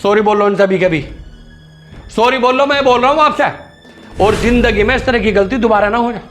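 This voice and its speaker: A man's voice: sits high, normal speed, fairly bright tone, soft background music. A man playing a stern, loyal young husband. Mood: scolding. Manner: scolding, lecturing, insistent. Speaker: actor in a family comedy skit. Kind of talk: scripted family comedy scene.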